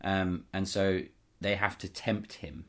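Very deep-voiced man chatting. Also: fairly even intonation, takes it slowly, a bit bright. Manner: enthusiastic, trails off and restarts, quotes lines aloud. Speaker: podcast co-host. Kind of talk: casual chat about horror fiction.

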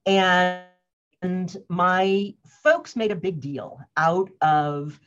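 Woman in her fifties, low and dull. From US, grew up in Cambridge, Massachusetts. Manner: thoughtful, loose, with many fillers and restarts. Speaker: guest, organizational wellness consultant. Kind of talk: casual interview talk.

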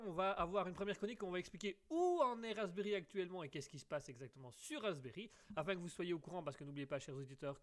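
A man's voice: a little high, fairly bright tone. Playful, rambling man hosting a radio show. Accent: slight English accent. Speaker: radio host. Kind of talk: live call-in show hosting.

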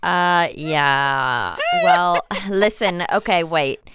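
A woman's voice: fairly low pitch, expressive, very slow, very noisy. A woman playing a tabletop game, talking casually in character with a wry, conversational manner.

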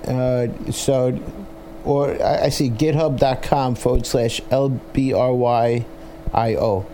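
Stammering Brooklyn man with a mellow voice. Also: medium pitch, fairly even intonation, a little hiss or hum. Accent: Brooklyn, New York. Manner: halting, stammering, repeats words. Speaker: interviewer, host. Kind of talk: casual interview chat.

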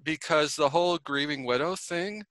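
A man hosting a casual film commentary, talking in halting bursts with many repeated words and restarts. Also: a little high, a bit bright, dry recording.

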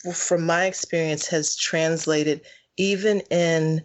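A woman with a somewhat low voice shares her thoughts in an easygoing podcast conversation. She is expressive, deliberately drawing words out for emphasis. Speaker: podcast co-host. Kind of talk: casual reflective chat.

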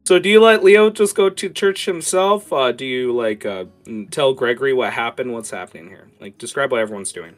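A man working as game master, improvising narration for a tabletop game in a casual, halting way and prompting players. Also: medium pitch, lively intonation. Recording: music playing behind.

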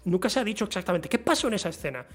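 A man hosting a casual film chat, relaxed and explanatory as he steers the conversation. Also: high-pitched, racing. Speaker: host.

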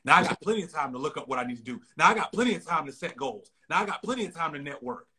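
A man hosting a podcast, giving energetic, preachy productivity advice full of rhetorical questions. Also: fairly high pitch, very fast, slightly rough. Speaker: podcast host. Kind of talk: casual podcast chat.

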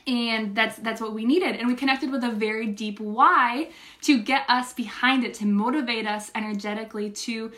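Bright, animated woman teaching a lesson. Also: a little high, moderate pace. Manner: animated storytelling, exclaims when reliving moments. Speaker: manifesting course teacher. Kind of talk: recorded online lesson.

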